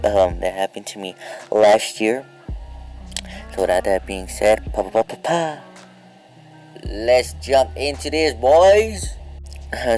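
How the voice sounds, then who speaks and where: A man's voice: low-pitched, darkish tone, poor audio. A young man casually telling a story to his viewers, with lots of fillers and swearing. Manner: laid-back, filler-heavy, swears often. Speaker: storytime vlogger.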